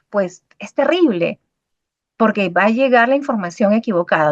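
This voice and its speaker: A woman's voice: fairly high pitch, dry recording. Peruvian woman lecturing over a video call. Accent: Peruvian Spanish. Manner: checks in with students constantly, praising chat answers by name; repetitive, emphatic teaching cadence. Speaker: university workshop lecturer. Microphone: video call microphone. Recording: dull, dry online-call audio.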